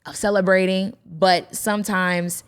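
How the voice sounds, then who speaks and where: A woman co-hosting a podcast, talking casually and thoughtfully, often pausing and restarting as she looks for the words. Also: medium pitch, little pitch movement, smooth. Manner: thoughtful, hesitant, restarts while searching for words. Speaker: podcast co-host. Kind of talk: casual chat.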